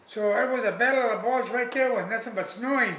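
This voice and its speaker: Speaking in a very high, slightly bright voice, an elderly veteran past 80 remembers his time in the war during a casual interview. His account is plain and halting, looping back on itself while he hunts for the right words. Faint background noise and a roomy echo surround him.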